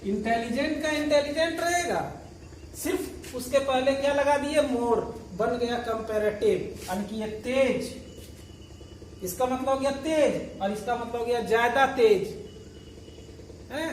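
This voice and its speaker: Slow-spoken teacher in an echoey room. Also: male voice, very high voice, recorded from a distance, slight background noise. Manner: asks rhetorical questions and answers them himself; repeats and spells out words patiently. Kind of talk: classroom grammar lesson.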